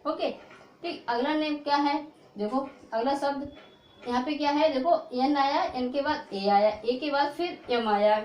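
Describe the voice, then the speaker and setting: High-voiced woman teacher in an echoey room. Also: muffled recording. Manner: repetitive, slowly sounds out letters, keeps checking with "ठीक है". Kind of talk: explaining English spelling rules to students.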